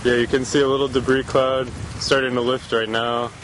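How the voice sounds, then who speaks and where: A man's voice: medium pitch, flat delivery, a little fast. A man giving live commentary as a storm chaser. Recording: loud wind and vehicle noise.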